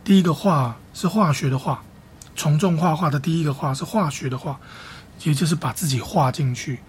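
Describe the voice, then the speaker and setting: A man preaching a sermon as a pastor, teaching Bible reading with slow, repeated, emphatic phrases. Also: on the high side, a little hiss or hum.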